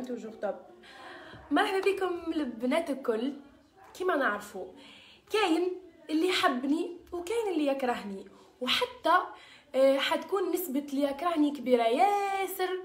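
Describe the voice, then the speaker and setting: Algerian woman hosting a casual live stream, high-pitched and quick, mixing in French words, in an echoey room. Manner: chatty, sprinkles French words. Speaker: live-stream host selling beauty mixtures. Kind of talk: casual live-stream chat reading viewer comments.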